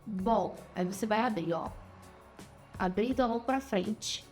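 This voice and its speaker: Slow, patient woman teacher. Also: mid-range voice, faint music behind. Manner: patient, demonstrative, repeats words slowly. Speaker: sign language teacher. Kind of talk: slow step-by-step lesson.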